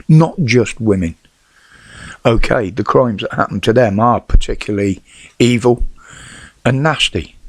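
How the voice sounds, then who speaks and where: Low-pitched British man with whistling s. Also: no room sound. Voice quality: whistling s from false teeth. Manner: blunt, sweary, rhetorical questions. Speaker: vlogger giving news opinions. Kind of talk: casual opinionated news commentary.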